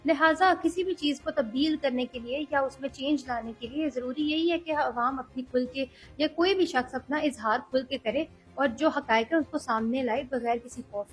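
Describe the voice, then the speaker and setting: A young woman speaking earnestly as an interview guest, measured and hesitant at times. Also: sits high, faint music behind, rough recording. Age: young adult. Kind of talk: political interview.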